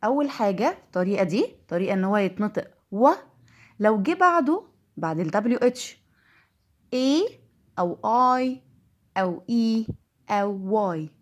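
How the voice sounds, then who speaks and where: A woman's voice: medium pitch, animated. Patient Egyptian woman teaching English. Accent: Egyptian Arabic. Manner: patient, repeats words slowly to drill them. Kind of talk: classroom-style lesson.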